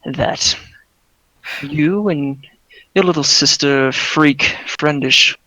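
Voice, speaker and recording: A man playing a resolute, confrontational adventurer in a tabletop game, speaking sternly and deliberately. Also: on the high side, sharp tone, no echo, exaggerated voice, rough recording. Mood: threatening.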